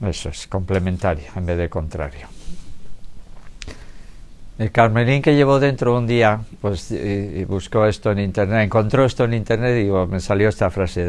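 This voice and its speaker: Low-voiced man giving a relaxed talk. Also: moderate pace, pauses often. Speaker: doctor giving a public lecture. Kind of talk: health lecture to a live audience. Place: health centre lecture room.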